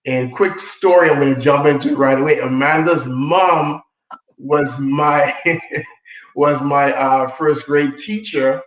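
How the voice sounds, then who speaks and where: A man's voice: mid-range voice, steady tone, slow, roomy sound, rough recording. A man from Trinidad and Tobago, co-hosting a live stream, introduces himself in a friendly, casual way with many fillers over a video call. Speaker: co-host.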